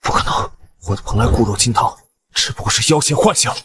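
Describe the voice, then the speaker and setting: A man's voice: medium pitch, animated, fast talker, a bit bright, lightly acted. A man as a proud, short-tempered sect master. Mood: angry denial. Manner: commanding, angry outbursts. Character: proud, stubborn middle-aged male sect master, quick-tempered. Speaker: sect leader father. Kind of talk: dubbed costume drama acting.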